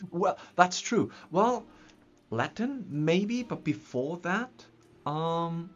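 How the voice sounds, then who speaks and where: A young Austrian, native in German and speaking with an Austrian accent, is building a map while casually chatting on a live stream from his desk in a small room. His voice sits high and is expressive but extremely slow, with plenty of ums and restarts as he thinks aloud. The audio is a bit dull, with faint background music.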